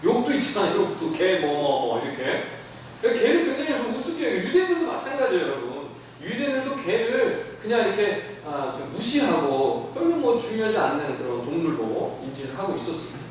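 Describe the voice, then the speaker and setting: High, lively male pastor, sermon in an echoey sanctuary, mic set at a distance. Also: fast, slight background noise. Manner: animated, acts out quoted voices, asks the congregation questions. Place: church sanctuary.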